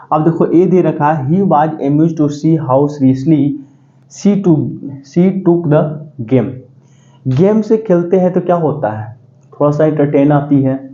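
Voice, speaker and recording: A man teaching exam vocabulary in a lecture, repeating key words slowly and quizzing his students. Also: a little high, mellow, lo-fi sound. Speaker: English teacher.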